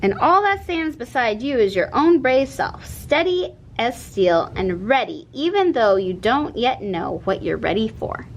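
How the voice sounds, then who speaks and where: A woman with a fairly high voice reads a children's picture book aloud as narrator, with expression for young listeners. There is noticeable noise and a low rumble behind her. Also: very animated, unhurried, hardly any pauses, low-quality recording.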